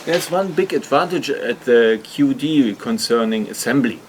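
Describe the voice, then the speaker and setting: An animated, mid-range male voice at a measured pace narrates an explanatory hobby vlog, with a bit of hiss or hum on the recording. He's a video host who customizes motorcycles as a hobby, and his non-native English is hesitant and slightly awkward.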